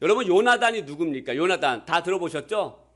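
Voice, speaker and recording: A man's voice: a little high, lively intonation, brisk, a bit bright. A man preaching a sermon as pastor. He puts rhetorical questions to the congregation and reads scripture aloud with them. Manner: acts out quoted speech in a plain everyday voice.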